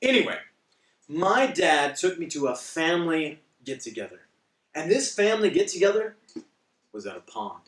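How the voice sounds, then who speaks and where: A man's voice: on the high side, very animated, normal speed, fairly bright tone. A man preaching a devotional Bible teaching, telling humorous stories with wry asides. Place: church. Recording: echoey room, speaker far from mic.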